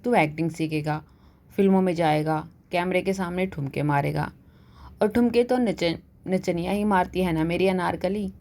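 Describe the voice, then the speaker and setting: A woman's voice: on the low side, moderate pace, darkish tone, lightly acted. A woman voicing a brash young female college student who mockingly teases her friend in a storybook reading. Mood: teasing.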